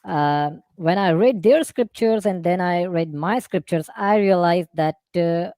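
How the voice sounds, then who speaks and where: A man with an Indian accent speaking through a voice changer that disguises his voice, answering interview questions haltingly and rephrasing as he goes. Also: sits high, darkish tone, clear, resonant tone, no room sound, studio quality. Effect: voice changer disguising the real voice. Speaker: interview guest, former student of Islamic preaching.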